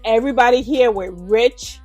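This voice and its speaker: A woman's voice: fairly high pitch, normal speed, darkish tone, no echo, faint music behind. Liberian-born woman chatting about her life. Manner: chatty, with many "you know" fillers. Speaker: business owner interviewee. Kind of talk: casual interview.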